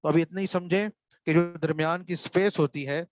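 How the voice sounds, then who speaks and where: A patient man teaching Quran recitation, speaking Urdu with a Pakistani accent and a fairly high voice. He goes through questions and answers, repeating each one and checking that the students have understood. The sound is dull and dry, like audio from an online class. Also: steady tone, dry recording. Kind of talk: online lesson, reading out questions and explaining.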